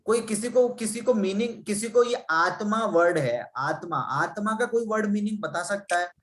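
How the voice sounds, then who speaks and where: A man's voice: high-pitched, normal speed, a bit bright, poor audio. A man teaching a religion class, asking students questions and explaining with everyday examples. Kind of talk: interactive class lesson.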